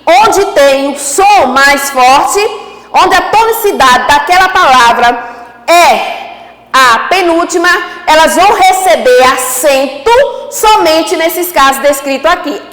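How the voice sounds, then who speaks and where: A female teacher giving an online school lesson with a Brazilian Portuguese accent, explaining slowly and speaking directly to her pupils. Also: sits high, expressive, a bit bright, reverberant, big-room sound, low-quality recording.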